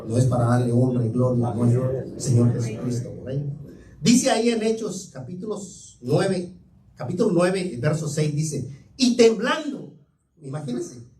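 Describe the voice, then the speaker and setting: A man's voice: fairly high pitch, warm tone. Guy preaching in church, fervent storyteller, mic kinda far off, lots of echo. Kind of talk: sermon. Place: church sanctuary. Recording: echoey room, mic far off.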